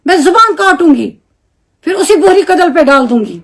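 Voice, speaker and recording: A Kashmiri-accented woman with a high voice delivers an angry video statement. She scolds with indignation and piles up rhetorical questions. She speaks as a homemaker and mother. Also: big pitch swings, moderate pace.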